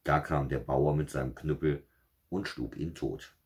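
Calm bedtime storyteller, a man with a very low voice, slightly husky, relaxed and self-mocking. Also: unhurried. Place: small home studio.

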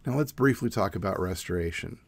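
A middle-aged man giving a measured, plain informative presentation outdoors. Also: low voice, expressive, vocal fry, no echo. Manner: measured, plain explanatory delivery. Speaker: student presenter. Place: outdoors in front of a brick building.

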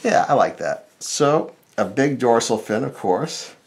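Teaching drawing casually and step by step, a middle-aged American cartoonist thinks out loud as he goes. His pitch moves in a lively way, his voice carries a lot of gravelly fry, and he speaks a little slowly.

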